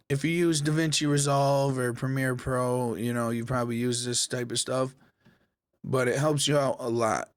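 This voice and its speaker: A man's voice: medium pitch, no echo. Casual man with a dry close mic. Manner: casual, conversational, talks to viewers as guys. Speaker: tech tutorial host. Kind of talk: screen-recorded software tutorial.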